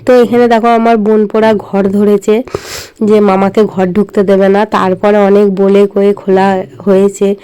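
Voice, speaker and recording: A young woman from India talks to her viewers in a relaxed vlog voice-over. Her voice is hoarse and husky from a cold, dark and mellow in tone, and her pitch stays fairly flat as she explains things in a chatty way. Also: moderate pace. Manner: chatty, explaining family wedding customs to viewers. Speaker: vlogger.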